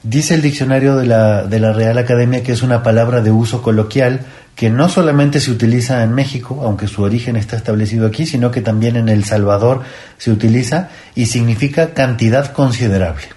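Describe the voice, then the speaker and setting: A man with a Mexican accent lays out grammar rules on a radio segment, patient and methodical. His voice is mellow and dark, and he takes each point step by step. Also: medium pitch. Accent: Mexican Spanish. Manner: measured, didactic, spells out rules step by step. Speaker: language expert on a radio segment. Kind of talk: explanatory radio chat.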